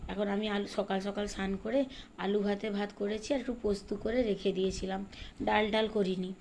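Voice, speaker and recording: A middle-aged woman from Bengal chatting in a rambling way while she bakes in her home kitchen, sometimes speaking softly. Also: medium pitch, flat delivery, moderate pace. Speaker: home cooking vlogger. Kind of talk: casual chat while baking. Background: fan hum and rain outside.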